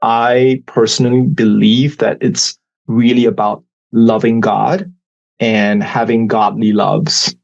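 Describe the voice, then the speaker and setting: Gravelly-voiced thoughtful male professor. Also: mid-range voice, level tone, highs cut off. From Singapore. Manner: thoughtful, measured, hesitant fillers. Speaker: psychology professor, guest. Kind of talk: interview answers.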